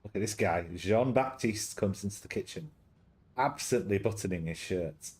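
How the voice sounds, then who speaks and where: A man's voice: fairly low pitch, animated, normal speed, darkish tone. A young man casually reading a story game aloud on a stream, chatty and easily sidetracked into jokes. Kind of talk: casual live-stream chat and game narration.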